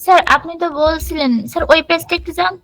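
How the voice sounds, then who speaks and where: A woman's voice: very high-pitched, fairly even intonation, fast, a bit bright. A woman speaking up as a student in an online class, interrupting to ask about the material. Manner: interrupts the teacher with questions.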